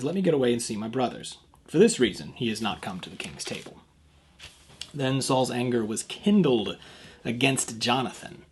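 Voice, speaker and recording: In a husky mid-range voice, a man serving as a youth pastor reads a passage aloud as a devotional, stopping now and then to put it in simple terms.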